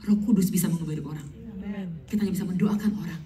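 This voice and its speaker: A woman's voice: on the low side, rapid-fire, far from the mic. Woman pastor preaching in a roomy hall. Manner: animated storytelling, acts out pleading in English. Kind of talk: sermon with personal testimony. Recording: roomy hall sound, voice from off-mic.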